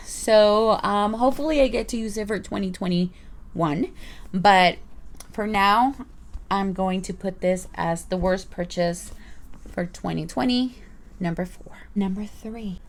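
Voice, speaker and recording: A woman's voice: medium pitch, unhurried. A woman in her thirties reviewing her purchases in a casual, chatty vlog, rambling with playful asides. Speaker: vlogger.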